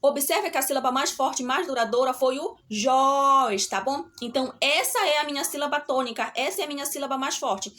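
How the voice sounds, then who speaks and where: A woman's voice: sits high, a bit bright. A middle-aged Brazilian woman teaching a primary class remotely, drawing out syllables and often checking in with a "tá bom?". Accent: Brazilian Portuguese. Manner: slow, drawn-out syllables with a repeated "tá bom?" check.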